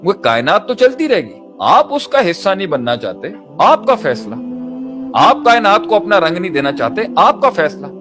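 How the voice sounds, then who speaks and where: With music running under his voice, a man delivers a motivational sermon in a high-pitched, sing-song, slightly bright tone at a moderate pace. He presses his message through repeated rhetorical phrases and occasional English words.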